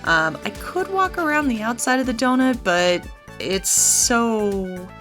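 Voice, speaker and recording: Her voice is on the high side, animated and a bit bright, and she takes it slowly. The woman hosts a gaming video, offering chatty, explanatory let's play commentary in a casual way, with game music underneath.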